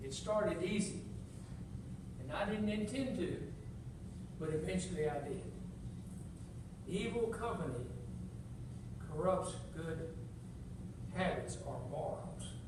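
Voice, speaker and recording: A man's voice: high-pitched, animated, slow pace, long pauses. A man in his eighties preaching a sermon in an earnest, folksy way, pressing hard on key words as he builds. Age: 80s. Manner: earnest, folksy preaching with rising emphatic stresses. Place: church sanctuary. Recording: very echoey church from far off with noise.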